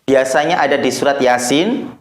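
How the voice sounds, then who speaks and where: A man teaching a recorded Quran reading lesson, explaining slowly and drawing out the letters in long chanted examples. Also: medium pitch, echoey room.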